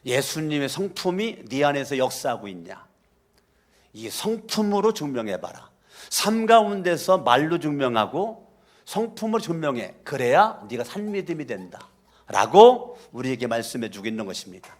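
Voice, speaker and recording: Male pastor, mid-pitched voice, preaching with emphatic scolding questions in a church. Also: very animated, normal speed. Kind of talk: sermon.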